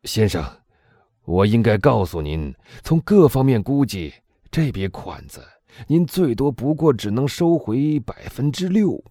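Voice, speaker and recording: An excitable middle-aged prison inspector bursts out in a raised, loud voice, as a man reads him aloud. His pitch sits far above the reader's own, dry and close. The audiobook delivery is eager and exclaiming. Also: unhurried, no echo. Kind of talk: audiobook dialogue reading.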